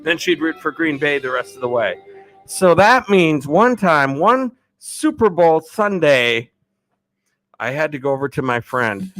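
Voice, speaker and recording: Upbeat high-voiced man hosting a livestream. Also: sing-song, a little slow, a bit bright, no room sound, faint music behind. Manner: upbeat, chatty, laughs often, thanks viewers effusively. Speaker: livestream host. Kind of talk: casual live-stream chat, reading comments.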